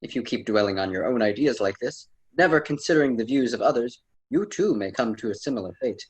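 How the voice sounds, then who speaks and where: This theatrical radio drama dialogue features a man as a patient ancient Roman poet and mentor who speaks in formal, old-fashioned language. He talks quickly at a medium pitch with a natural, husky voice, and his mood is grave and instructive. The recording is rough.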